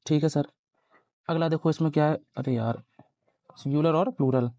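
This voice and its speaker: A man's voice: fairly high pitch, steady tone, moderate pace, dark tone, no echo, clean studio sound. A young man teaching a grammar lesson at a board, explaining step by step and constantly quizzing his students. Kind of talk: classroom grammar lecture at a board.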